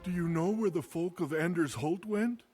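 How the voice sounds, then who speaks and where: Worried villager who got lost, in a game, higher voice. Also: male voice, normal speed, a little mellow, husky. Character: lost male villager separated in flight. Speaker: game character.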